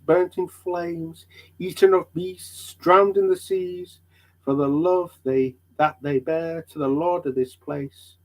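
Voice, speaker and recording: A man's voice: fairly high pitch, darkish tone, rough recording. A man voicing an earnest, devout, burdened pilgrim in a hammy, theatrical dramatic reading of an old allegory.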